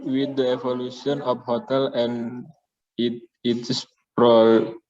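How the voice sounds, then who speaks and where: Slow, flat Indonesian student reading aloud. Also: male voice, medium pitch, highs cut off. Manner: halting, careful reading with stumbles. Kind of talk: reading a textbook passage aloud. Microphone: video call.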